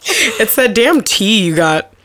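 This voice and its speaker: A woman's voice: medium pitch, lively intonation, slow, background noise. A young woman co-hosting a casual podcast chat, laughing often and reading news with fillers. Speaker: podcast co-host.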